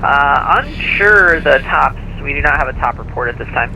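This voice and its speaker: A man's voice: a little high, expressive, normal speed, creaky, bright, forceful tone, rough recording. A man working as an air traffic controller, giving procedural, helpful instructions as heard over a pilot headset radio. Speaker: air traffic controller in an online flight simulation. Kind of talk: radio ground control phraseology.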